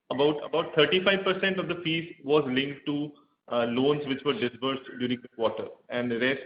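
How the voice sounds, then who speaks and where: A male bank executive on speakerphone, answering analysts in a conference call with measured speech and many fillers as he restarts his sentences. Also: medium pitch. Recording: echoey, dull speakerphone audio with faint hiss.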